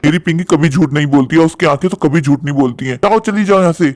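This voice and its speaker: A performer voicing a caring father in a cartoon story, gentle with his daughter and stern with his wife. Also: medium pitch, quick pace, dry recording, clean studio sound, lightly acted. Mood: angry. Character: caring father, adult man.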